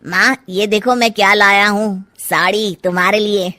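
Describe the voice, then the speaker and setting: A woman's voice: medium pitch, steady tone, normal speed, bright, forceful tone, no echo, natural voice. A woman playing a casual, self-assured adult son in a family story. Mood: insistent. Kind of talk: acted dialogue in a family audio story.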